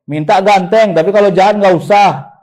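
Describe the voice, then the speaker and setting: Brief: a scolding, fed-up angel, put on by a male preacher, Medan accent, quick and fairly high. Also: darkish tone, close to an everyday voice. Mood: exasperated. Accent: Medan Indonesian. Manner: exasperated, scolding.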